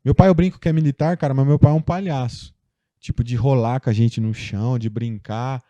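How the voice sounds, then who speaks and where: A man's voice: medium pitch, fairly quick, mellow, no room sound, lo-fi sound. A young Brazilian man, a guest in a casual interview, telling a personal story in a loose, chatty way full of fillers. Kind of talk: casual conversation.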